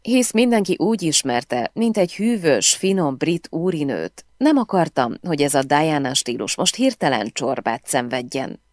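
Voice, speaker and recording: A woman reading a novel aloud in first person with expressive storytelling. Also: low voice, few pauses, dry recording, clean studio sound. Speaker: audiobook narrator. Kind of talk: scripted first-person audiobook narration.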